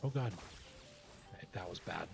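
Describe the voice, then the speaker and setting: Guy with a lowish voice talking thru a game run, laid back and chatty, game music faint underneath. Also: measured pace, vocal fry. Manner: relaxed, chatty, talks while playing. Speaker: gameplay guide host. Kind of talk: casual gameplay commentary.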